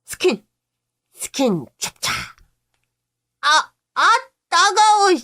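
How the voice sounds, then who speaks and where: A woman voicing an eager, cheeky young boy who chirps and teases excitedly. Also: mid-range voice, unhurried, close to an everyday voice.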